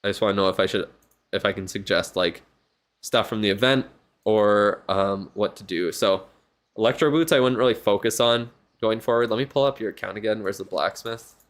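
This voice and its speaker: A man's voice: fairly low pitch, fairly quick. A tired man streaming live, giving casual, rambling commentary on a viewer's game account and thinking aloud with lots of fillers. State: yawning, tired.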